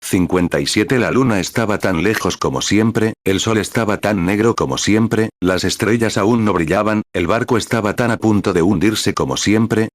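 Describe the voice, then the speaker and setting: Male sermon reader, very low voice, dry close sound, steady measured read with dramatic retellings. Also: no echo. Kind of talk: read sermon translation with verse numbers.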